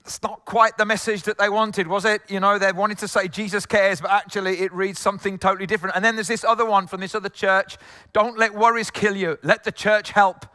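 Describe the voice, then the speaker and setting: Middle-aged male pastor, chatty sermon style with fillers, high bright voice, long hall reverb. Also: little pitch movement, fast, few pauses. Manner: jokey, conversational preaching with frequent fillers. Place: church hall.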